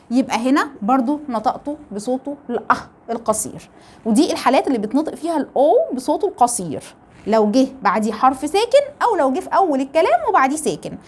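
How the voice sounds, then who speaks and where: A woman with an Egyptian Arabic accent teaching English pronunciation, explaining step by step and asking rhetorical questions. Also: high voice. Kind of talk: phonetics lesson.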